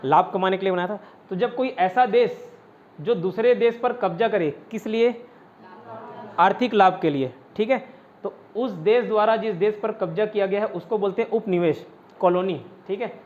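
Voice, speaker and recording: A man with a fairly high voice leads an online exam-prep class. He explains step by step and answers his own questions as he goes. The sound is dull and lo-fi. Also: moderate pace, a little mellow. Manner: often adds "ठीक है" to check understanding. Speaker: teacher.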